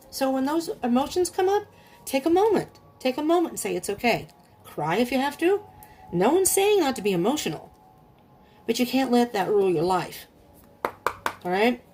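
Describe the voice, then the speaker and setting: A woman's voice: fairly high pitch, a little mellow, a little hiss or hum. A woman giving a casual tarot reading at home, chatty and often checking in with her listeners. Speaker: tarot reader.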